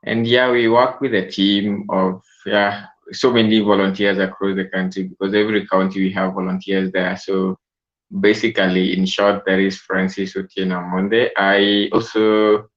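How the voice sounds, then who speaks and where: A man, a charity founder speaking as a guest on a video call, halting and repeating himself. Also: low-pitched, level tone, dull audio. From Kenya. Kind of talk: interview over a video call.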